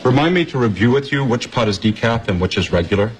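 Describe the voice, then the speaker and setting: An actor playing a brusque, condescending coffee shop manager in a sitcom clip. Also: male voice, medium pitch, lively intonation, fast, close to an everyday voice, rough recording. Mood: curt. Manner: curt, condescending.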